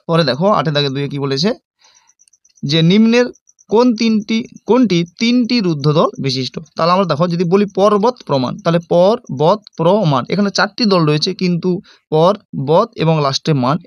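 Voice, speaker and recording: A man's voice: high-pitched, no echo, lo-fi sound. A man with a Bengali accent from West Bengal, reading exam questions aloud and then explaining the answers to his students in a lesson. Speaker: teacher.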